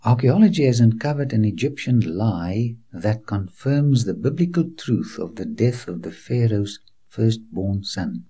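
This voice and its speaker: Slow, husky male documentary presenter. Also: lowish voice, mellow. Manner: speaks directly to the viewer as a friend, earnest and reassuring; guides the viewer like a tour guide on location. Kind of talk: scripted documentary narration with preaching asides.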